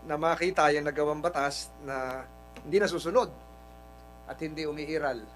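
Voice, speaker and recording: A Filipino man chairs a hearing with a slightly high voice. He speaks formally and politely, pausing often with fillers. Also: a bit bright, soft background music, low-quality recording. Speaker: committee chair.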